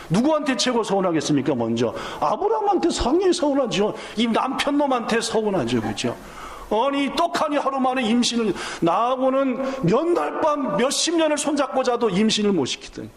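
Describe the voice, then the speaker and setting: A man's voice: high-pitched, reverberant. A male pastor preaching a sermon, firing questions at the congregation and acting out the lines of the story. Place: church sanctuary.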